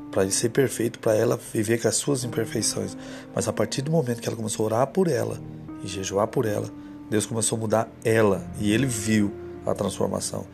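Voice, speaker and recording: A man's voice: on the low side, gravelly. A man preaching a sermon, telling a story and then exhorting women directly.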